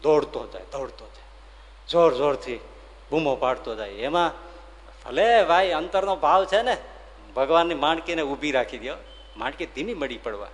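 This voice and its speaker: A swami preaching a devotional story sermon, animated and acting out every character. His voice is slightly high for a man. It rings through a long hall reverb. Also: moderate pace, long pauses.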